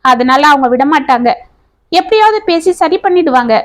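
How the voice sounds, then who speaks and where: Woman doing earnest young man, devoted and determined, high voice. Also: lively intonation, moderate pace.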